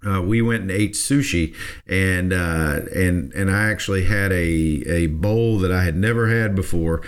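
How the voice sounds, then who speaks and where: A man's voice: low voice, normal speed, clean tone. A man from South Georgia, hosting a podcast in casual, rambling chat full of restarts. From South Georgia, USA. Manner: rambling, folksy, with many restarts. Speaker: podcast host.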